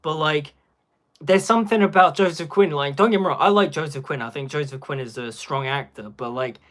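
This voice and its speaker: Give me a young man doing casual livestream commentary from his phone, rambling with lots of fillers, slightly higher voice. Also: a little fast, a bit bright. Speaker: live stream host. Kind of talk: casual live-stream commentary.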